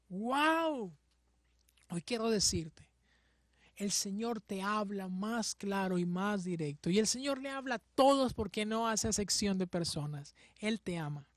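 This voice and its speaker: Young woman preaching, kinda high voice, gets loud then soft again. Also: no echo, studio quality. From Colombia. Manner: expressive, swings between soft asides and loud exclamations. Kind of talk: sermon.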